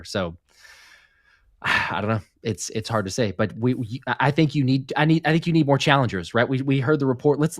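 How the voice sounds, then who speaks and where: A man's voice: mid-range voice, dry recording, clean studio sound. A man co-hosting a casual sports talk show, rambling with many restarts and acting out what coaches might say. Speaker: podcast co-host.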